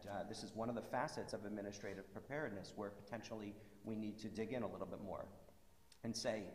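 Low-voiced man speaking on a panel. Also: a little mellow. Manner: measured, diplomatic, gestures while talking. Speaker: state deputy health official. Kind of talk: panel discussion. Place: conference stage in a large hall. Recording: roomy hall with long reverb.

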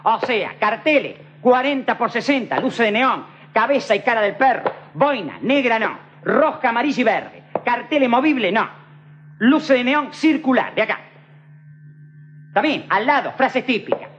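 El Perro, a swaggering street hustler. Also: male voice, very high voice, expressive, normal speed, a bit bright. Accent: Rioplatense Spanish. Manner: rambling, slangy, swaggering, keeps asking "all right?". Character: cocky streetwise male hustler, swaggering, slang-talking. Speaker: comic actor in a TV sketch. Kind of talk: TV comedy monologue in character. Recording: dull lo-fi 1990s TV tape with faint hiss.

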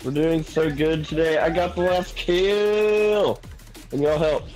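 A man's voice: fairly high pitch, takes it slowly, over music, low-quality recording. A man chatting casually with friends while playing an online game, laid-back and laughing often at jokey banter. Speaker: gamer. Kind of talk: casual chat while gaming.

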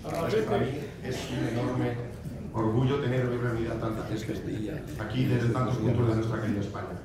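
A man's voice: medium pitch, a little fast, distant mic, over a noisy crowd. A middle-aged man giving a heartfelt farewell speech at a podium, repeating phrases and adding asides. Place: large stone-walled banquet hall. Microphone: podium microphone, recorded by a far camera. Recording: echoey hall recorded from afar, noisy.

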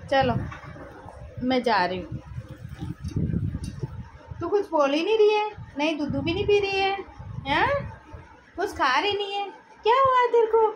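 A woman at home coaxing her cat in a soft, repetitive way, recorded on a phone camera. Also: very high-pitched, animated, unhurried, pauses often, background noise. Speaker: vlogger talking to her cat. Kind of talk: coaxing talk to a pet. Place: home indoors.

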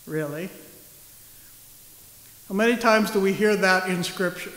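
A man's voice: high voice, a little slow, a bit bright. A male pastor preaching a sermon in a church, conversational and joking. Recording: echoey church hall.

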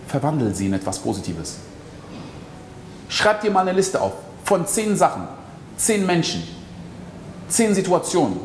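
A mindset coach with a medium-pitched, darkish voice delivers a motivational monologue straight to the listener, full of emphatic rhetorical questions. The recording, made in an echoey hall, carries faint ambience and slight background noise.

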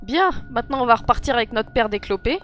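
A young woman from France, pitched a little high, commentates her horror game live with constant giggles and running jokes at her own expense. She talks straight to her viewers through a desk mic while faint music plays behind her. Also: expressive, quick pace, fairly bright tone. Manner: giggly, self-mocking, talks to chat. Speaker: gaming streamer. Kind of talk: let's play commentary. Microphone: desk mic with headphones.

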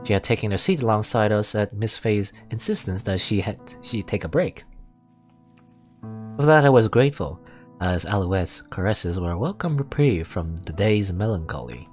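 A man's voice: lowish voice, expressive, normal speed, a little mellow. A man reading a visual novel aloud as a let's play host, adding asides and now and then correcting his stumbles. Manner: stumbles over words and corrects himself. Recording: music behind the voice.

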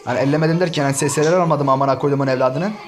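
A man's voice: mid-range voice, fairly even intonation, rapid-fire. A man ranting and cursing nonstop as he comments on an online insult battle, talking straight to his viewers. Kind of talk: profane screen-share commentary to viewers.

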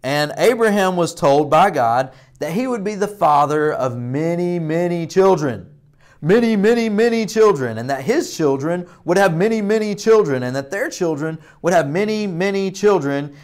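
A man's voice: fairly high pitch, animated, normal speed, hardly any pauses. A man in his thirties giving a children's Bible lesson in a broad, singsong presenter style with emphatic repetition and call and response. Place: indoor children's church classroom. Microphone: lapel mic.

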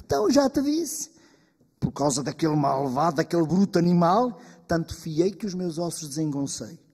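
A woman's voice: deep voice, lively intonation, normal speed, dark tone, breathy edge, exaggerated voice. A man voicing a crafty, bent old village widow who scolds and bargains, in a long-reverb hall. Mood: scolding. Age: older.

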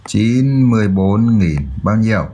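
A man's voice: fairly low pitch, lively intonation, measured pace, warm tone, slight background noise. A man tutoring children through a math exercise, explaining step by step and often checking that they follow. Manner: checks in often with "được chưa?".

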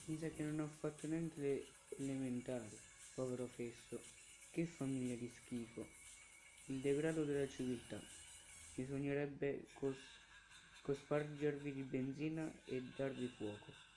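Slow, mellow-voiced man reading aloud. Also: medium pitch, fairly even intonation, soft background music, low-quality recording. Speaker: student reader. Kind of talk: reading a horror story aloud.

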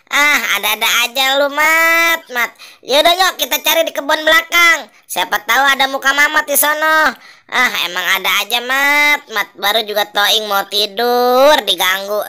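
A woman's voice: sits high, expressive, moderate pace, pushed and bright. A woman voicing Toing, a lazy, grumbling male ondel-ondel puppet who teases his crying friend. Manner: grumbling, teasing, bossy.

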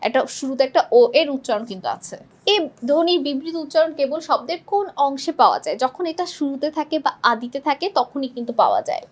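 Brief: young woman tutor, high voice, brisk exam-prep lesson, keeps asking and answering. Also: very animated. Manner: quizzing students, answering her own questions. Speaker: teacher.

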